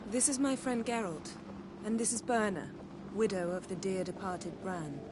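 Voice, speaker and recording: A woman's voice: mid-range voice, normal speed, background noise, natural voice. An actress playing a frank, composed young noblewoman in a video game, with a wry, conversational manner.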